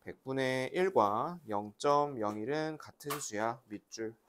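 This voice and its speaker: A woman's voice: a bass voice, measured pace, a little hiss or hum. A woman teaching a math lesson to young children in a classroom, patiently asking questions and having the class repeat after her. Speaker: elementary school teacher.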